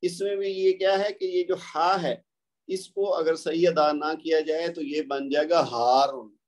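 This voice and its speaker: In a recorded lesson on tajweed, a Pakistani Quran recitation teacher with an Urdu accent walks through pairs of words patiently, easing his pace to highlight the differences. His pitch is fairly high.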